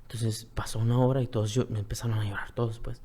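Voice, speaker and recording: A man from Mexico with a Mexican accent, telling a personal story as a guest in an earnest, repetitive way that often drops to a soft near-whisper. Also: lowish voice, flat delivery, fast, slightly rough. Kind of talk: personal testimony, conversational storytelling.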